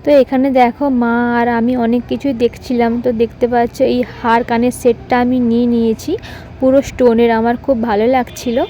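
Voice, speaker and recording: A hoarse, soft-spoken woman with a slightly high voice talks casually through a vlog voice-over. She chats straight to her viewers in an easy way. A faint hum of noise sits behind her. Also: flat delivery, brisk, rough recording. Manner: chatty, addresses viewers directly. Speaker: vlogger.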